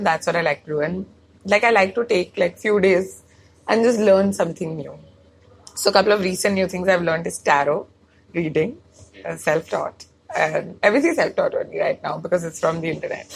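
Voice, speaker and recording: A young stand-up comic and comedy writer with a Bangalore Indian English accent rambles through a casual chat, switching between English and Hindi mid-sentence. Her voice is medium-pitched and creaky, and the recording is rough.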